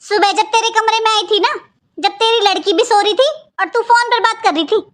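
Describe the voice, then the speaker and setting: A woman voicing a sharp-tongued, scolding elderly mother-in-law in a Hindi cartoon. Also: very high voice, fairly even intonation, a little fast. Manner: nagging, accusing, lecturing.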